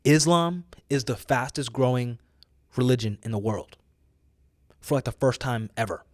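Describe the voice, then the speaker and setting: A man's voice: mid-range voice, animated, moderate pace, dry recording, clean studio sound. American man preaching with emphatic urging. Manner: exhortative, emphatic, repeats phrases for effect; casual youthful slang. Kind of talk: motivational preaching, informal.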